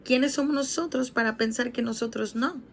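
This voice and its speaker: A woman with a fairly high voice and some vocal fry preaches a sermon at normal speed, retelling a parable and reading scripture aloud. Her earnest teaching is aimed directly at viewers of a streamed video, and there's slight background noise.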